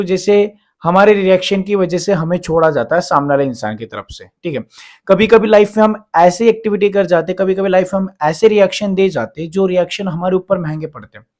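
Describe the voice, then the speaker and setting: A man giving relationship advice as a coach, lecturing earnestly and with a lot of repetition. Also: sits high. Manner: earnest, repetitive lecturing, acts out complaints of the people he advises. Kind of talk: advice monologue to camera.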